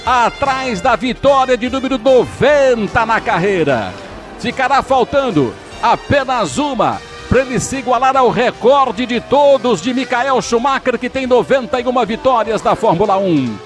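High-pitched Brazilian man, excited motorsport commentator. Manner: dramatic, drawn-out exclamations. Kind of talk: excited live race commentary. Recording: radio broadcast with music behind. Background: music.

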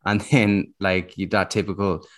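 A man with an Irish accent and a very low-pitched voice. He talks casually as a podcast panellist, giving opinions in a grumbling, unfiltered way. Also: level tone, moderate pace. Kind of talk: casual chat.

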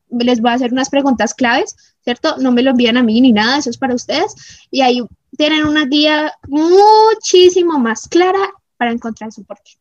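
A woman gives an emphatic motivational talk to viewers, often checking in with quick "¿sí?" and "¿mm?" asides. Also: high-pitched, a little mellow, no room sound, muffled recording. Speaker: motivational speaker.

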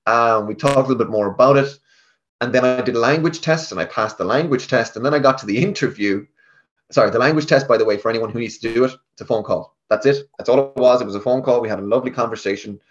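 A man's voice: mid-range voice, quick pace, muffled recording. A man with a west of Ireland accent telling his story casually and chattily, often acting out bits of conversation in his own voice. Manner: chatty, self-quoting, informal. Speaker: interview guest, tech sales team lead.

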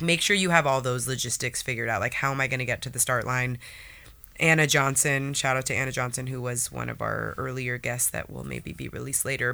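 A man's voice: medium pitch, gravelly, bright, forceful tone, clear, resonant tone. A man co-hosting a podcast, getting over a cold and sounding a bit sniffly and nasal, giving chatty, upbeat advice. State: stuffy nose from a cold. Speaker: podcast co-host. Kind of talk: casual chat.

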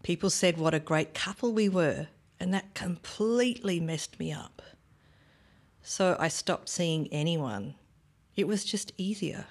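Aussie woman reading a story out, lowish voice, slow and thoughtful. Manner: measured, reflective first-person telling. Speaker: narrator. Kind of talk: scripted dramatic story reading.

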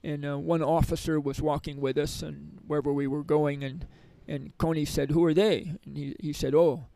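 A middle-aged man telling long, rambling stories about teaching in prisons. His voice is gravelly and sits a little high, and he keeps restarting his sentences. The recording is dry and close, with no room echo. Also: level tone, moderate pace, dark tone. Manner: rambling, with many restarts and fillers. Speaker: prison yoga and meditation teacher. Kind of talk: conversational storytelling interview.

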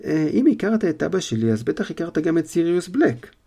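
A man's voice: fairly high pitch, big pitch swings, vocal fry, mellow, slightly rough, pitched above the performer's own voice, heavily acted. A man voicing an earnest, stubborn teenage boy wizard in a spoken storybook reading. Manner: earnest, eager pleading.

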